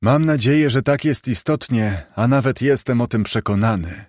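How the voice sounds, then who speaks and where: A man reading as Bob Cratchit, a gentle grieving father. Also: mid-range voice, normal speed, no room sound, clean studio sound, close to an everyday voice. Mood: earnest.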